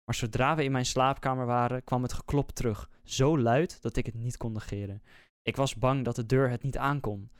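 A man, a podcast host, reading a scary story aloud in a slow, measured, suspenseful way. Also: medium pitch, steady tone, smooth, dry recording, clean studio sound. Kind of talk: scripted horror story narration.

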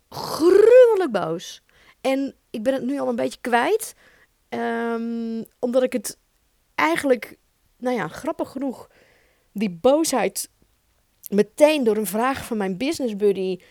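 Intense, expressive Dutch woman, dry sound. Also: fairly high pitch, vocal fry, no echo. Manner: intense, expressive, emphatic with swearing. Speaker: podcast host. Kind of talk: solo podcast monologue.

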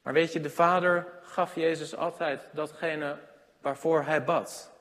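Male preacher, fairly high voice, long hall reverb; sermon that swings from loud emphasis to hushed asides. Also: steady tone, unhurried.

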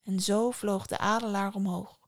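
A woman's voice: mid-range voice, measured pace, creaky. A woman reading a myth aloud as storyteller, in scripted narration with wry asides.

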